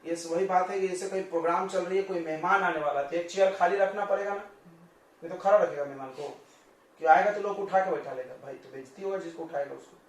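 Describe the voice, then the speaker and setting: A male coaching-class teacher giving a chatty chemistry lesson, joking with his students and firing quick questions at them. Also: high-pitched. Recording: very echoey classroom, distant mic.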